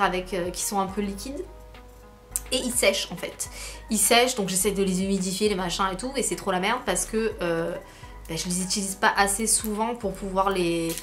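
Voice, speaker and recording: A bubbly young woman from with a slightly high voice talks through a beauty unboxing. She gushes over each item and wanders into chatty asides, with faint music underneath. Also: a bit bright. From France. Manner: chatty, gushing, rambling into asides. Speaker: beauty vlogger. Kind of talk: unboxing vlog chat.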